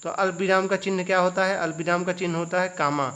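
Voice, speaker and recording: A man's voice: high voice, level tone, quick pace, a bit bright. A young male teacher giving an exam revision lecture, putting questions to the students and then answering them himself. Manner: asks students rhetorical check questions.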